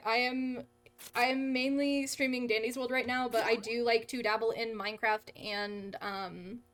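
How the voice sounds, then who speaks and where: A woman chatting casually on a gaming livestream, excitable and giggly, given to exclaiming. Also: fairly high pitch. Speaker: game livestream host. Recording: clear background noise.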